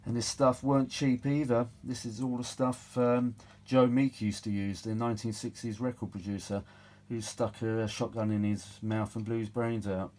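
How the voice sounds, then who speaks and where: At normal speed and with little pitch movement, this British hobbyist speaks in a medium-pitched, slightly mellow voice while fixing vintage audio gear for his own videos. His workbench chat is casual, rambling, grumbly, world-weary and a bit sweary.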